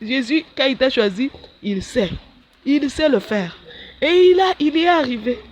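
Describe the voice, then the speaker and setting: A woman, a religious sister, preaching a sermon and acting out her own talks with God in a high voice. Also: normal speed, slight background noise. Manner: animated, jumps high when acting out dialogue with God.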